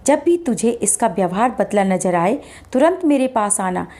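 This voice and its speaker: A woman's voice: medium pitch, sing-song, normal speed, warm tone. A woman voicing a stern, confident older male exorcist who gives orders in a fatherly way. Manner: commanding, fatherly.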